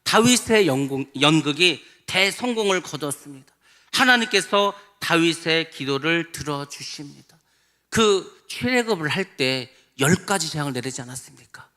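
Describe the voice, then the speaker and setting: Male pastor preaching hard, high bright voice, acts out the quotes. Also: animated, normal speed. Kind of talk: sermon.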